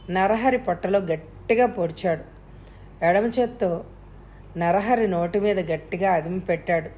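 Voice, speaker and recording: A woman narrating a scripted suspense thriller in a steady, even storytelling voice. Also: fairly low pitch.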